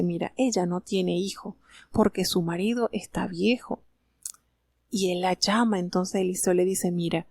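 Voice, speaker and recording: Female Bible commentator, gravelly texture, dry close sound; retells scripture and speaks the characters' lines, with gentle explanatory asides. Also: medium pitch, no echo.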